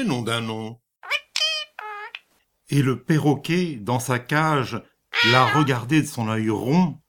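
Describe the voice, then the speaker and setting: A man reading a literary short story aloud with dramatic storytelling. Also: mid-range voice. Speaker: narrator.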